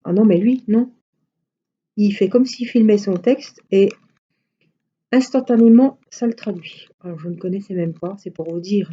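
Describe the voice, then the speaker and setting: A middle-aged woman hosts a casual live stream in a very dark, soft-edged voice with a husky grain. She talks in a chatty, rambling way, moving through little anecdotes. The sound is dull and slightly muffled. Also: medium pitch, normal speed. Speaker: craft live-stream host.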